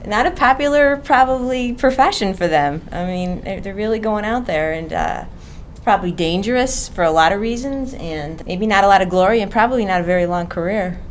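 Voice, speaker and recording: A woman's voice: mid-range voice, lively intonation, fairly quick, slight background noise. A woman chatting casually and enthusiastically, as in an informal interview. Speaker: publications coordinator and copy editor, wrestling fan. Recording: music playing behind the voice. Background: music.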